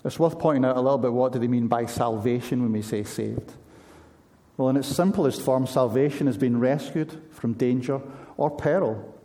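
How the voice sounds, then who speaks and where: A man's voice: mid-range voice, normal speed, mellow. A man preaching a sermon in an earnest, conversational way, asking his listeners pointed questions.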